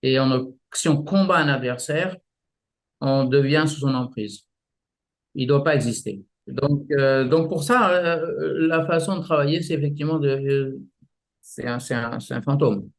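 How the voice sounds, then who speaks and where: Male martial arts teacher, halting, vivid examples, guest interview. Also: mid-range voice. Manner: halting, many restarts, explains with images. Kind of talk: casual explanatory interview.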